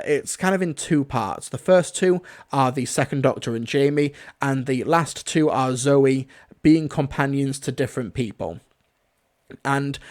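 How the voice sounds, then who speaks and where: Mid-pitched and slightly mellow, this man runs an informal review stream. He talks eagerly and wanders from point to point as he goes.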